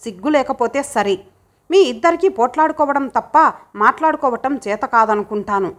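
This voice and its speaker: Brief: cheeky younger brother, blunt teaser, read by a woman, high voice, storybook. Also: expressive, normal speed. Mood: teasing. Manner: joking, blunt. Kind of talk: audiobook character voice.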